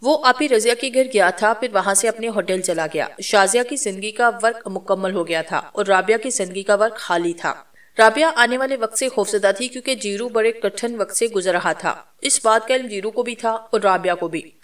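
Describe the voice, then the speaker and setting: A woman's voice: mid-range voice, normal speed. Woman narrating a story from a distance. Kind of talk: reading a novel aloud.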